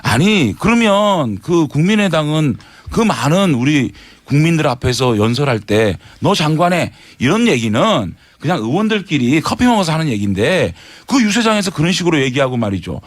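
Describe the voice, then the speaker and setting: A man's voice: a little high, no echo. A man speaking as a presidential candidate in a mock debate, pointed and needling in his questions. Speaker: debate panelist. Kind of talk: mock debate role-play.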